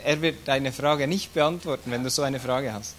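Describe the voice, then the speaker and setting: A man interpreting a sermon into German, quick and with restarts. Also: medium pitch, fairly bright tone, slight background noise.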